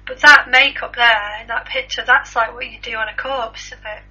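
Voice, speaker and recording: A woman's voice: a little high, fairly even intonation, normal speed, bright, forceful tone, slightly rough. Agreeable woman co-hosting. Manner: agreeable, chatty. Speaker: co-host. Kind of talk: casual news chat. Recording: muffled lo-fi recording.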